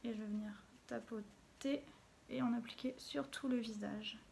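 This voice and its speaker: A woman's voice: a little high, fairly even intonation, normal speed, gravelly, darkish tone, slight background noise. A woman talking casually through her makeup routine as a beauty vlogger, chatty and dropping little interjections as she works. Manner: chatty, fills gaps with little interjections while working. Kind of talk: casual makeup tutorial talk. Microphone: phone camera.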